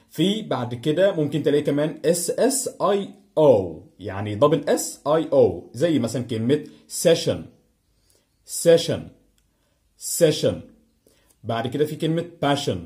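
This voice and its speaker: Animated, mellow-voiced Egyptian teacher. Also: male voice, medium pitch. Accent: Egyptian Arabic. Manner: repeats each example word slowly several times, checks with "okay?". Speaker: English pronunciation teacher. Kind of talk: online pronunciation lesson.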